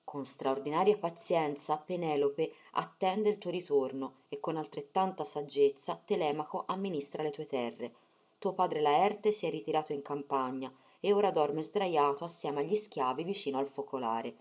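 A woman reading the part of a mother's gentle ghost, speaking tenderly and soothingly. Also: low-pitched, normal speed.

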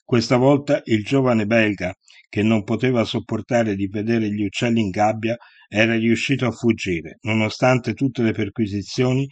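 Man, low voice, scripted historical narration, dry close sound. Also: a little mellow, no echo.

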